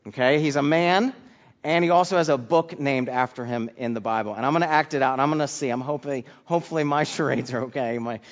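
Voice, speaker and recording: A man's voice: mid-range voice, fast. A man giving a sermon as a children's pastor, moving between personal testimony and Bible teaching. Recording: muffled sound in reverberant hall.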